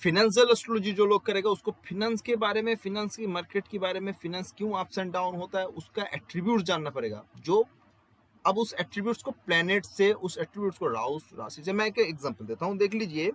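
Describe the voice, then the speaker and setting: On a low-quality recording, a man with a high voice and fairly bright tone speaks fairly quickly. He's giving an astrology lesson in Hindi, carrying a Bengali accent, adding English phrases, and leaning on rhetorical questions and everyday illustrations.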